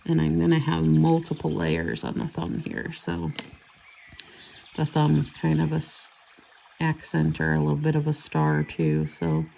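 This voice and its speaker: A woman's voice: sits low, very animated, a little slow, gravelly, mellow, slight background noise. A woman chatting casually and rambling as she does her nails. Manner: chatty, rambling, self-correcting. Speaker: nail vlogger. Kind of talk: casual chat while doing nails.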